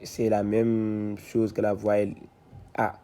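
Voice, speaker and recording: A man's voice: lowish voice, completely flat delivery, a little hiss or hum. A man from West Africa teaching Quran reading syllable by syllable, explaining patiently and repeating sounds aloud. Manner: slow, repetitive, explains then reads syllables aloud louder.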